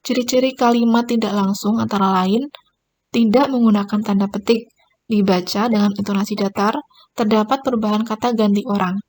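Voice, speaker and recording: A woman's voice: medium pitch, fairly even intonation, fairly quick, a little mellow. A woman teacher giving a recorded grammar lesson, explaining each point and pointing at examples on screen. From Indonesia.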